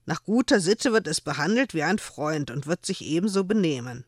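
Woman reading a calm earnest young guy, firm, dry close sound. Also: sits low, moderate pace, breathy edge, dry recording.

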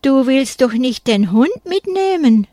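A woman's voice: fairly high pitch, animated, normal speed, a little mellow, dry recording, clean studio sound. A woman reading a children's story aloud, voicing a worried, flustered female teacher. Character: fretful female schoolteacher on a class trip.

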